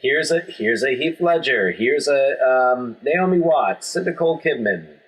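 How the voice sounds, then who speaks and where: A man with a husky, slightly breathy voice chats loosely as a podcast co-host. He rambles and restarts often, piling up asides and jokes. His delivery is relaxed and conversational. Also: mid-range voice, a little slow, low-quality recording. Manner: rambling, joking, many restarts and fillers. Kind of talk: casual chat.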